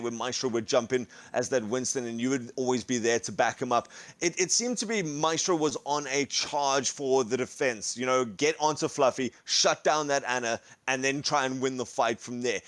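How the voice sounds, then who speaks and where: A man hosting an esports broadcast, asking questions in an upbeat conversational way. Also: mid-range voice. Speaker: esports caster and interviewer. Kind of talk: esports desk chat.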